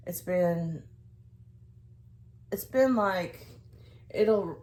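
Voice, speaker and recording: A woman's voice: lowish voice, darkish tone, a little hiss or hum. A woman chatting casually to camera as a vlogger, in a hesitant, rambling way that trails off.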